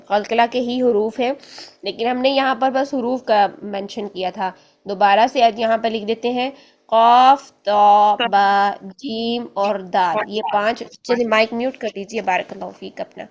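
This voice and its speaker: Patient woman Quran teacher, fairly high voice. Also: fairly even intonation. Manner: patient, explains step by step, demonstrates sounds slowly. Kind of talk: online Quran class.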